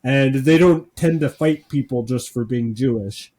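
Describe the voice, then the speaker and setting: A man co-hosting a podcast, talking casually with deadpan sarcasm and lots of filler words. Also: mid-range voice, unhurried. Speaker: podcast co-host.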